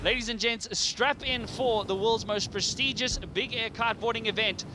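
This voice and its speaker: A man commentating a live extreme sports event, excitable and quick to shout when a trick lands. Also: extremely high pitch, music in the background.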